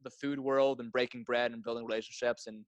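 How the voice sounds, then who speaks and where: A young Canadian man, an entrepreneur guest in a casual interview, talking fast and enthusiastically and often repeating words. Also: mid-range voice, flat delivery, no echo, dull audio.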